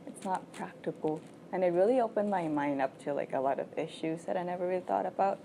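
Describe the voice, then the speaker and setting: A woman's voice: on the low side, fast talker, creaky. A woman in her twenties from Thailand, giving frank, chatty answers as an international student in an interview. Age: 20s. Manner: frank and chatty, with frequent "like" fillers. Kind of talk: candid casual interview answers.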